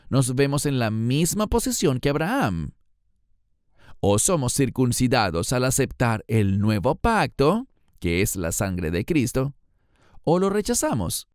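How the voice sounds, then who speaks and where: A man giving a scripted Bible lesson in a measured, explanatory way. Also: mid-range voice, a little mellow, smooth, dry recording, clean studio sound. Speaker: Bible teacher.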